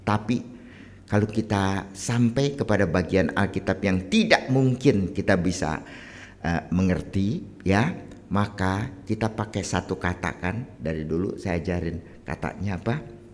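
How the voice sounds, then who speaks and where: A man's voice: low-pitched, a little slow. A male pastor, preaching in a chatty way full of rhetorical questions. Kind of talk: sermon. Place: church. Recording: long reverb of a church hall.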